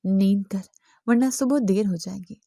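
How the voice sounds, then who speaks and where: A woman voicing a brisk, dismissive older aunt who scolds in a matter-of-fact way. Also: mid-range voice, creaky, warm tone, no echo, studio quality. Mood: brusque.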